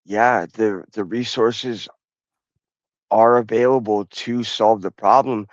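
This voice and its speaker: A middle-aged man speaking as a guest on a podcast, in a measured, reflective way. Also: lowish voice, fairly even intonation, dry recording, highs cut off. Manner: measured, reflective, some restarts. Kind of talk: podcast interview.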